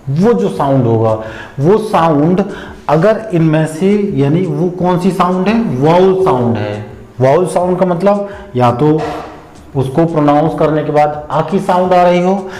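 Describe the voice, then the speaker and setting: A man's voice: on the high side, darkish tone, slight background noise. Patient man teaching English pronunciation. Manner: patient, repetitive explaining with drawn-out example words. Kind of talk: explanatory lesson. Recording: echoey room.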